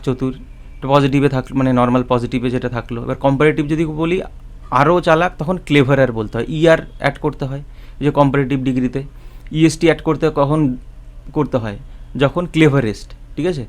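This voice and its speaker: A male teacher talks through a grammar lesson at a middle pitch. He speaks patiently and spells words out letter by letter. He keeps checking in with his students as he goes. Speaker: English teacher.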